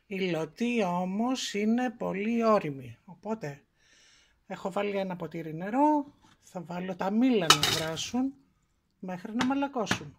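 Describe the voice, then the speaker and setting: A woman with a Greek accent hosting a home cooking video, calmly explaining each step in her kitchen. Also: medium pitch, heavy background noise. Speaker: cooking show host.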